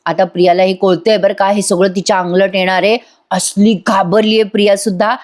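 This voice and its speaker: A woman's voice: mid-range voice, little pitch movement, a little fast. A woman narrating a voice-over episode recap, chatty and talking straight to viewers. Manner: chatty, addressing viewers directly. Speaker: TV serial reviewer.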